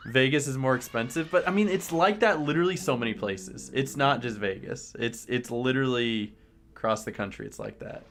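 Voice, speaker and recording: A young man streaming live, chatting casually to his viewers and rambling through exasperated complaints, with sudden high outbursts. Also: fairly bright tone, slight background noise.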